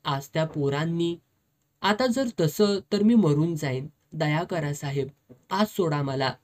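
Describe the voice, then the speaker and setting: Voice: medium pitch, measured pace, a little mellow, close to an everyday voice. Reader doing scared young village woman begging, teary, storybook reading. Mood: pleading. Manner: pleading, tearful.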